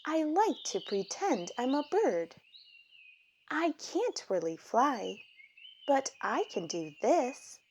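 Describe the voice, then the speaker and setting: A woman reading a children's picture book aloud, with deliberate, expressive phrasing for young children. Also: sits high, slight background noise. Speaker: storybook reader.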